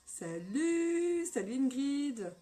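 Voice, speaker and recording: Slightly hoarse woman doing a makeup live on her phone, high voice, unhurried, chatty n upbeat, faint music behind. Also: very animated, dark tone. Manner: upbeat, greets viewers by name. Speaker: live makeup tutorial host. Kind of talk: casual live-stream chat and makeup demo.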